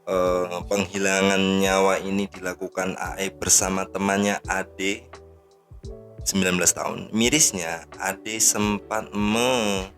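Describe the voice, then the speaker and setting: Low-voiced man hosting casual commentary. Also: little pitch movement, a little slow, a bit bright, faint music behind. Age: 30s. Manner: indignant, rambling with fillers. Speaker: host.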